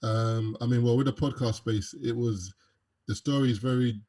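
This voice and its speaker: A man's voice: medium pitch, fairly even intonation, moderate pace, dark tone. A young man with a London accent, a podcast guest chatting casually and joking with plenty of fillers. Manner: laid-back, joking, lots of fillers. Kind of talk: casual interview chat.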